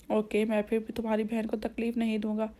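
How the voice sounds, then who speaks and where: A woman's voice: on the high side, completely flat delivery, mellow, natural voice. A woman reading the part of a possessive young man who speaks firmly and bluntly. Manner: firm, blunt.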